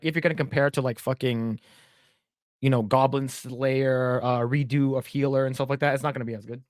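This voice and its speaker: In clean studio audio without room sound, a young man with a mid-range voice co-hosts a podcast. He chats casually, rambling and blunt, with some easygoing swearing.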